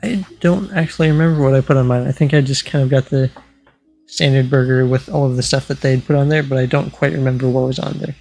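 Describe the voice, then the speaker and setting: A young man co-hosting a casual podcast chat, measured and matter-of-fact, pausing often with ums. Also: mid-range voice, steady tone, vocal fry, a little mellow, faint music behind, low-quality recording. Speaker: podcast co-host.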